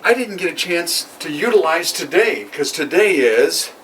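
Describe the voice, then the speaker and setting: A man's voice: fairly high pitch, animated, normal speed. A man co-hosting a casual podcast chat over drinks, joking and laughing often. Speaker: podcast co-host. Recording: distant mic with noisy background and clicks.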